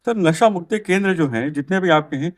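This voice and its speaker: A man, a reporter, asking pressing questions loudly. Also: sits high, expressive, a little fast.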